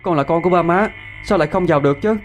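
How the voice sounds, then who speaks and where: Man doing a high-voiced pleading ghost child. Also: very fast, faint music behind, natural voice. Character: ghost child, small girl, pleading and frantic.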